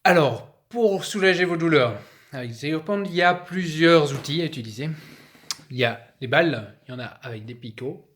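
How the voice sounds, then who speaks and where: A man's voice: fairly high pitch, animated, normal speed, a bit bright. A man coaching viewers casually, demonstrating massage tools while talking, often hesitating and restarting, filmed on a phone indoors. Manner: chatty, hesitant, showing objects while talking. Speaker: fitness coach. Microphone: phone camera.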